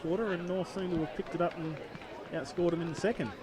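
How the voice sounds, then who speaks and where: A man's voice: fairly high pitch, steady tone, quick pace. A man with an Australian accent giving easygoing colour commentary on a local football match from a box above the ground. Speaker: sports commentator. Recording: loud crowd noise behind the voice.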